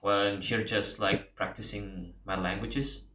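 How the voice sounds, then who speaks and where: A man's voice: on the low side, steady tone, a little slow, sharp tone. A young man with an Indonesian accent, an Indonesian native speaker, chatting playfully on a video call and bantering and laughing as he argues a point. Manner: playful, argumentative, laughs often. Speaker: language-learning video host. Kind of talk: casual video chat.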